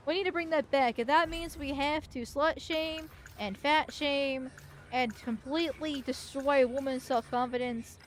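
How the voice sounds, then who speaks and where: High-pitched blunt woman gamer commentating. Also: unhurried, a little hiss or hum. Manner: blunt, crude, irreverent. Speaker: game streamer. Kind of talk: casual gameplay commentary.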